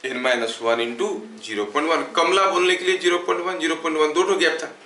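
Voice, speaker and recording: An Indian man teaches physics in a slow, deliberate lecture, repeating phrases and stopping to check that everyone follows. His voice is bright and a little high for a man. The camera catches him from a distance in an echoey room with a faint hum of ambience. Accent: Indian English. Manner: slow dictation-paced explaining, repeats phrases, checks understanding. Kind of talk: classroom lecture.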